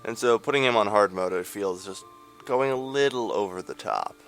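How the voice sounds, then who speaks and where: A man's voice: fairly low pitch, moderate pace, fairly bright tone, faint music behind. A young man hosting a let's play, giving rambling, sarcastic gameplay commentary into a desk microphone. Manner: rambling, sarcastic, many fillers.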